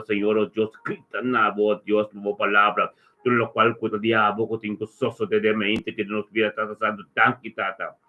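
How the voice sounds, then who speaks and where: A male preacher with a lowish, monotone voice leads fervent, improvised group prayer full of repetitive chanted invocations. The recording sounds thin and narrow, like a telephone line.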